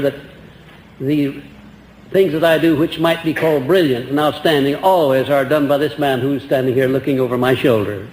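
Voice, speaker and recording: An older man with a mid-range, darkish voice answers audience questions in an earnest, rambling lecture full of restarts and rhetorical questions. The old archival recording has an echoey hall sound and faint hiss.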